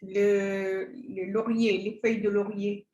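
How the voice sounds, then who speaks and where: A woman's voice: medium pitch, level tone, a little slow, warm tone, lo-fi sound. A woman from Morocco, explaining her dishes as a guest cook on a video call and searching for words as she lists ingredients. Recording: echoey room over a video call.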